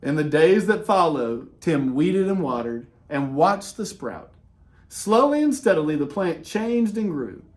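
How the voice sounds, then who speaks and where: Man, slightly high voice, very lively intonation, children's read-aloud, expressive emphasis, dramatic pauses. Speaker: storyteller reading a children's picture book. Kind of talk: animated read-aloud with casual asides.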